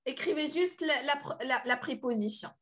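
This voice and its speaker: A woman's voice: sits high, normal speed, fairly bright tone. A woman teaching French in an online class over a video call, playful and encouraging, laughing often.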